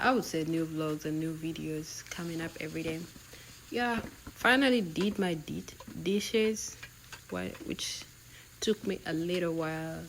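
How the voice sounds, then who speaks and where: A woman's voice: lowish voice, creaky, slight background noise. A young woman, chatting casually as she narrates her own vlog, laughing now and then and restarting words. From Uganda. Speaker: vlogger.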